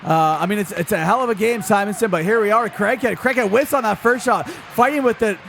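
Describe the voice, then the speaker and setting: A man calling an amateur hockey game play-by-play, energetic and excitable, often restarting his sentences. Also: high-pitched, a little fast, vocal fry, slight background noise. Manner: energetic, excitable calls with frequent filler restarts. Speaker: play-by-play commentator.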